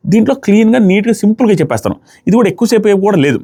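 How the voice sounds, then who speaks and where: A man with a Telugu accent giving a fast, animated, casual review of a TV show, mixing in English words. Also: sits high.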